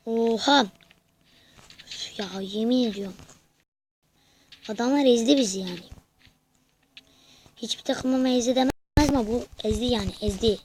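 A woman with a fairly high voice narrates her gameplay live for her YouTube viewers. She is excitable, curses at her opponents, and swings between shouts and hushed whispers. A faint hiss sits under the recording. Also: a little slow, long pauses, rough recording. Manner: excitable, swears and shouts at the game, drops to whispers. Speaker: gaming YouTuber.

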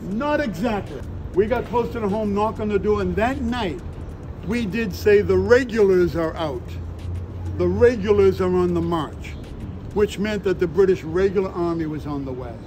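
Declamatory older man, high-pitched town crier delivery. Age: 60s. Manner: emphatic, short dramatic phrases with deliberate pauses. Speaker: costumed Freedom Trail tour guide. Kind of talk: theatrical historical tour narration. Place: outdoors in parks and streets among a tour group. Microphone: handheld phone a few steps away. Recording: phone recording with outdoor city noise.

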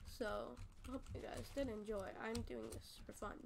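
A woman with a fairly high voice gives relaxed gameplay commentary into a desk mic. She rambles in a friendly way, restarting and correcting herself mid-sentence. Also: moderate pace, creaky, noisy background. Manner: rambling, chatty, self-correcting. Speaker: gaming YouTuber. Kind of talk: casual game tutorial commentary.

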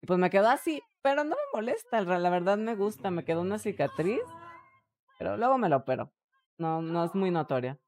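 Mexican woman streamer, low voice, crude jokey game commentary. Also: lively intonation, a little fast, a little mellow, dry recording. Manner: crude, joking, talks to chat. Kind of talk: casual live gameplay commentary.

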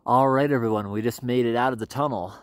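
A man gives easygoing running commentary while walking through old tunnels, his voice at a middle pitch. A faint hiss of noise sits under the camera-mic sound. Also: quick pace. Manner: casual, chatty narration while exploring. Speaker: urban explorer vlogger. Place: abandoned railroad tunnels and snow sheds, on foot.

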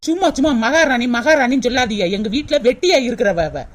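A woman voicing a furious shrill village wife. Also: very animated, heavy background noise. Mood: scolding. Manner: shrill, rapid scolding. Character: angry young village wife, fierce and scolding. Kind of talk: cartoon voice acting.

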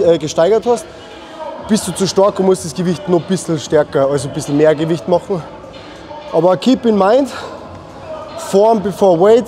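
A man's voice: high-pitched, warm tone. A man explaining his leg workout in a casual, instructive way, dropping English gym slang. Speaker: fitness vlogger.

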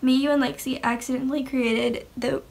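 A woman's voice: high voice, level tone, fairly quick, creaky, a little mellow. A teenage girl vlogging casually on a handheld camera, bubbly, giggly and a little dramatic. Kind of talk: casual vlog chat. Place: home and mall.

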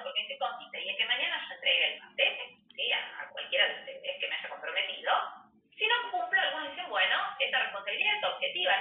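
A woman teaches a law class and checks in with "¿sí?" as she goes. Her voice is fairly high and moves a lot in pitch. She sounds far from the mic, in an echoey classroom heard through a tinny, phone-like recording. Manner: explanatory, checks with frequent "¿sí?". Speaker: law lecturer. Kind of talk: university lecture.

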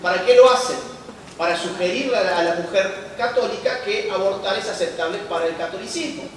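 A conference speaker from Argentina lectures emphatically in a high voice, talking a little fast and answering his own rhetorical questions. A far-off camera captures his handheld mic in a large church hall used for lectures, so the sound echoes and carries a faint hiss or hum.

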